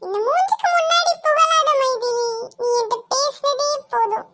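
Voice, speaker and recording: A cocky teenage cartoon schoolboy brags to a girl and waves off his friend. His voice sits very high and bright. He talks. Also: moderate pace. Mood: boastful, sweet. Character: boastful teenage schoolboy show-off.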